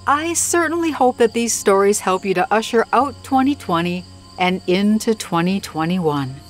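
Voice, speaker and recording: Woman reading spooky stories, pitch swings up and down a lot, faint music and crickets behind. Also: animated, moderate pace. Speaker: horror story narrator. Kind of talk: scripted first-person story narration.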